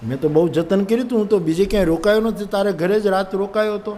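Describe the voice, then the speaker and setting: A man telling a religious story to a live audience, animated and jokey, acting out the dialogue. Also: high-pitched, fast, a little hiss or hum. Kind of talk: humorous live katha storytelling.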